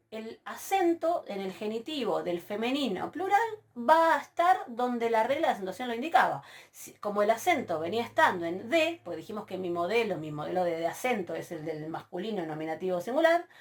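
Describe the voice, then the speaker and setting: A woman giving a recorded university lecture on grammar, patiently checking in with "¿sí?" and slowly spelling out word forms. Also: a little high. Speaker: Greek teacher.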